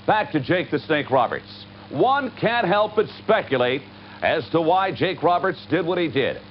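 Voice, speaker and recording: A man's voice: on the high side, very animated, a little slow. A man doing broadcast wrestling commentary in a dramatic, indignant announcer tone, from a dull old TV broadcast. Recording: dull lo-fi 1991 TV broadcast with faint hum.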